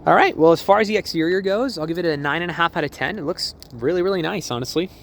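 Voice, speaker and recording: Young male salesman, casual walkthrough, a bit high-pitched, light outdoor hum behind. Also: a bit bright. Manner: easygoing, laughs often, quick asides. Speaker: car dealership salesman. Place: car dealership lot and vehicle interior.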